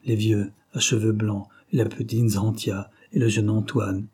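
A man reading a novel aloud as narrator, in a measured, grave storytelling manner. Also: lowish voice, level tone, warm tone, husky. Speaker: audiobook reader.

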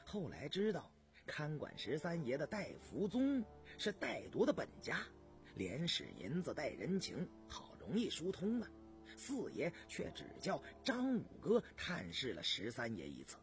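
A man voicing a worried older male steward who speaks in a low, hushed, musing way. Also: huge pitch swings, measured pace, faint music behind. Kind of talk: storytelling voice acting.

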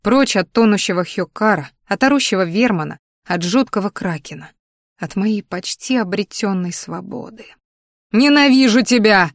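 A woman reading a first-person fantasy audiobook in an expressive, dramatic way. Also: medium pitch, normal speed, no echo, studio quality. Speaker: audiobook narrator.

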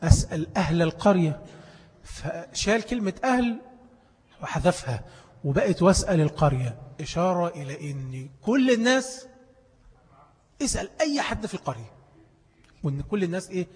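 A man's voice: high-pitched, expressive, a little fast, long pauses, darkish tone, breathy edge. A male teacher with an Egyptian Arabic accent gives a classroom lesson, firing questions at his listeners and then answering them himself. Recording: long hall reverb.

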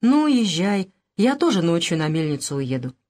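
A woman voicing a rough young village man who speaks in short, gruff questions, in an audiobook. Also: on the low side, sing-song, moderate pace, darkish tone. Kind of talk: audiobook character voice.

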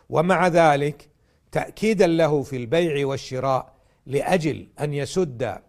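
In formal standard Arabic, a man who hosts and lectures on a religious programme gives a didactic talk, setting out his points one at a time. His voice is a little high, creaky and slightly mellow.

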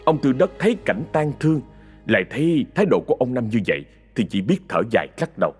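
A male storyteller with a Southern Vietnamese accent reads a ghost story dramatically. His pitch moves widely through each sentence. Faint music plays under him. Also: big pitch swings, fast, darkish tone, breathy edge.

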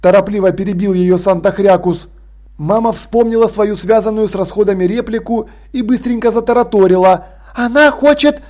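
A man narrating an audiobook in an expressive, lively storytelling manner. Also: sits high, fairly quick. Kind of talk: audiobook reading.

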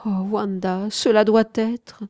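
A woman's voice: medium pitch, level tone, slow, dark tone, dry recording, studio quality, lightly acted. A woman reading an audiobook, voicing a desperate young man in love who pleads in a raised, tremulous voice. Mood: pleading.

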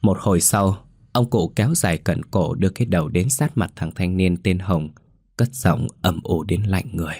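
A man narrates a ghost story with steady, measured delivery. His voice is deep and low, and it sounds close and dry with no room around it. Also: breathy edge, no echo.

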